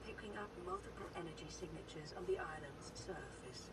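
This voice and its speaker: A woman voicing a calm, caring computer assistant in a game, making even, clipped synthetic announcements. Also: low-pitched, a little fast, very noisy. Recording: game audio, distant, loud music.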